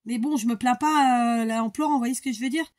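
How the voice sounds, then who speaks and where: A woman's voice: fairly high pitch, fairly even intonation, fast, a little mellow. A woman hosting a crafting tutorial, chatting casually and thinking aloud, muttering to herself as she works.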